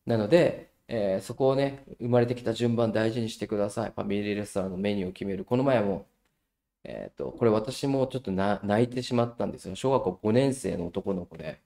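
A middle-aged man giving a lively parenting lecture, telling anecdotes and acting out children's voices. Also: lowish voice, a little fast, creaky. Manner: animated storyteller who acts out children's voices.

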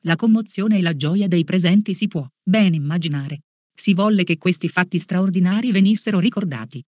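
A catechist reading a religious lesson aloud in a slow, measured, solemn way. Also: medium pitch, darkish tone, no echo, clean studio sound.

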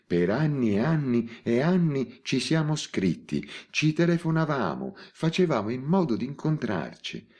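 Man doing an elderly spinster, raised voice, composed, matter-of-fact, lively intonation, unhurried, audiobook. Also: mid-range voice, pitched above the performer's own voice. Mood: recounting. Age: 80s. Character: elderly spinster woman, calm and unrepentant. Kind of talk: audiobook character reading.

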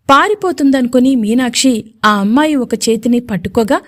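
Woman narrating a romance audio story. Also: a little high. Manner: steady storytelling. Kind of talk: scripted narration.

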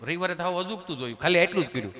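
A man's voice: sits high, racing, a crowd in the background. A middle-aged man telling a comic story on stage, acting out the people in it and laughing along as he goes. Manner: animated, acts out characters and laughs along. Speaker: stand-up comedian. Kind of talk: Gujarati folk comedy storytelling.

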